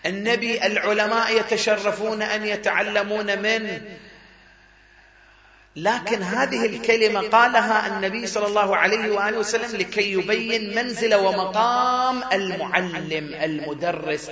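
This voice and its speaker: A high-voiced man delivers a fervent religious sermon that builds to loud emphatic cries. His voice rings through a big reverberant hall with a crowd gathered around. The recording is muffled and lo-fi. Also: normal speed. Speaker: preacher. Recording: echoey hall, dull lo-fi sound, crowd.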